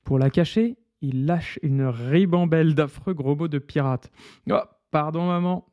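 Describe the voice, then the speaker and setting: A man reading a children's pirate story aloud with lively, expressive narration. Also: fairly high pitch, a little slow, dry recording, highs cut off.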